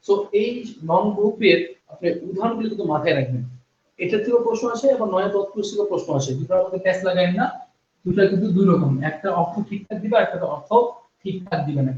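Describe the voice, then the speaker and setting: A man's voice: high voice, darkish tone, recorded from a distance, a little hiss or hum. A young man teaching a grammar lesson for exam prep, repeating each point and quizzing his listeners with questions. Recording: echoey, dull room sound from off mic.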